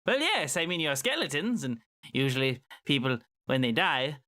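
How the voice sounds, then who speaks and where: A man's voice: a little high, sing-song, moderate pace, bright, forceful tone. A man voicing a fussy, chatty male skeleton necromancer who is easily grossed out. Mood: prim.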